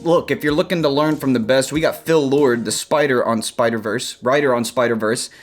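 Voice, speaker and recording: A man's voice: mid-range voice, a little fast, faint music behind. Brash, mock-tough man talking art. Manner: brash, mock-tough trash talk, playful. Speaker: animation character designer teaching art. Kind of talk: casual art breakdown commentary.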